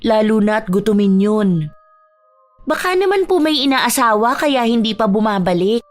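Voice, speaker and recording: A woman's voice: a little high, lively intonation, normal speed, soft background music, voice pushed up, natural voice. A woman voicing a caring young woman anxious about her missing cat, in a dramatized story. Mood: worried. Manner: anxious, pleading.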